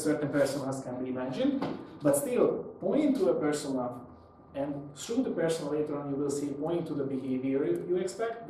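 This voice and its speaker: Speaking in a mellow, slightly high voice, a man presents a live technical talk, asking questions and then answering them in non-native English phrasing. The setting is a small indoor meetup room with people seated, captured by a distant mic in an echoey space with faint background noise.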